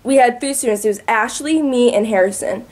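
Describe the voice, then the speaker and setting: A woman's voice: fairly high pitch, brisk, darkish tone. A teenage girl guesting on a casual podcast, telling stories chattily and laughing along the way. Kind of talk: casual storytelling.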